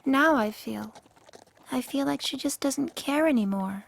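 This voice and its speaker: A woman's voice: high-pitched, unhurried, creaky, no room sound, heavily acted. A woman acting a lonely, hurt younger-sister pony princess in a radio drama, with a plaintive delivery. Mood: sad, lonely.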